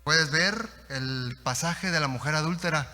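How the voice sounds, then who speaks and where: Mexican pastor, animated sermon storytelling, reverberant church hall. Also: male voice, on the high side, a little slow. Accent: Mexican Spanish. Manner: animated storytelling, rhetorical questions.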